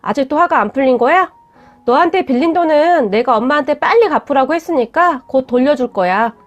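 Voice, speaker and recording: A woman's voice: high-pitched, expressive, brisk, faint music behind. A woman doing a curt, defensive young fiancé. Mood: dismissive. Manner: blunt and scolding.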